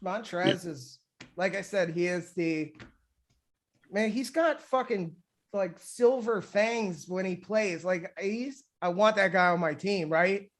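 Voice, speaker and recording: Excitable cohost on a sports pod, swears a lot, laughs easy. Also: mid-range voice. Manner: excitable, profane, quick to laugh. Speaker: podcast co-host. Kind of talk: casual sports chat.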